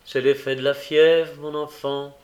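A man voicing a kind, gentle elderly woman caring for a sick child in a read-aloud novel, speaking softly and tenderly. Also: fairly high pitch, flat delivery, a little slow, close to an everyday voice. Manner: soft, tender, motherly. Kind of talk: audiobook character reading.

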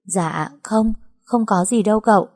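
A woman's voice: medium pitch, a little slow, a little mellow, voice pushed up. A woman voicing a tearful young bride who stammers and pleads. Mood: timid. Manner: stammering, whimpering, repeats words.

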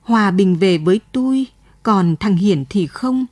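A woman voicing a grieving elderly mother in a radio story, speaking in a tearful, pleading way with a husky tone. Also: medium pitch, expressive, unhurried, a little mellow, no room sound. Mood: mournful.

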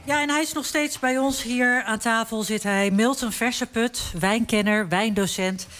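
Een vrouw die een live radioprogramma presenteert en gezellig en spontaan met haar gasten praat. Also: female voice, fairly high pitch, normal speed, fairly bright tone. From the Netherlands. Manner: chatty, with fillers. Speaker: radio host. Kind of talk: live radio talk show. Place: live broadcast from a concert hall.

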